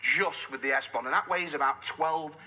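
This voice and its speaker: A man presenting a live home shopping demonstration, explaining step by step with emphatic, instructional selling and a husky voice. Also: on the high side, moderate pace, sharp tone.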